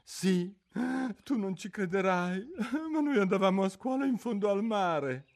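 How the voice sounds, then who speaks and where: A man reading an audiobook, voicing a mournful, sighing old Mock Turtle in a slow, plaintive, wavering way. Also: sits high, animated, pitched above the performer's own voice. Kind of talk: audiobook character voice.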